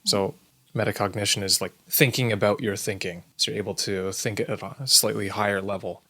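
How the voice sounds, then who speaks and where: Bright-toned low-voiced man co-host. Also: fairly even intonation, brisk. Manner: explanatory, thinking aloud. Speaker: podcast co-host. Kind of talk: casual parenting podcast chat.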